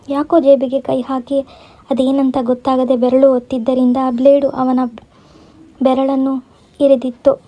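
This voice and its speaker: A woman storyteller reading a scripted story in a steady, even way, in a dull lo-fi recording. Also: sits high.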